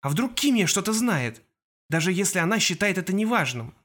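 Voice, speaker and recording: A man's voice: high voice, big pitch swings, fairly quick, a bit bright, pitched above the performer's own voice, full character voice. A man reading an audiobook voices a scared teenage boy mage who talks anxiously and stammers. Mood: worried.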